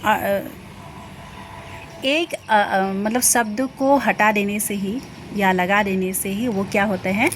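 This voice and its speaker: A woman's voice: medium pitch, slow pace, slight background noise. A woman teacher explaining grammar notes in a lecture, with many fillers and checks on understanding. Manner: explains each example, asks "ठीक है ना" often, many fillers. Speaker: Hindi teacher.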